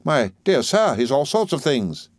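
A man's voice: big pitch swings, measured pace, no room sound, studio quality. A man putting on a gushing old widow. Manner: shrill, emphatic, gushing. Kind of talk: audiobook character reading.

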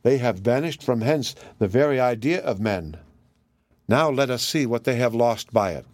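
A man's voice: mid-range voice, animated, moderate pace, darkish tone, no echo, studio quality, natural voice. A man voicing a lovestruck young prince musing to himself in a storybook reading. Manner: wondering, musing.

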